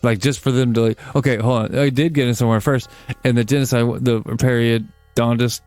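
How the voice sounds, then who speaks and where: A man chats loosely over a longplay, drifting from story to story and cursing freely. His voice is smooth and even, recorded dry on a close mic. Soft game music plays underneath. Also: mid-range voice, fairly quick, no room sound. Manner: rambling, swears a lot, self-deprecating. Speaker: let's play gamer. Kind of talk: casual rambling commentary.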